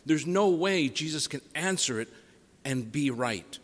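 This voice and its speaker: Priest preaching in cathedral-like echo. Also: male voice, on the high side, lively intonation. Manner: measured, solemn, deliberate public delivery. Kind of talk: gospel reading and homily. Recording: echoing church, long reverb.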